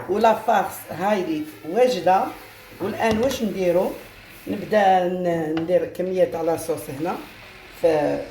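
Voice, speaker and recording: A woman's voice: on the low side, mellow. Algerian woman demonstrating a recipe in an echoey kitchen. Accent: Algerian Arabic. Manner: chatty, repetitive, addresses viewers as girls. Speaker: home cooking channel host. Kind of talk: casual step-by-step cooking demonstration. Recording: roomy echo with faint background noise.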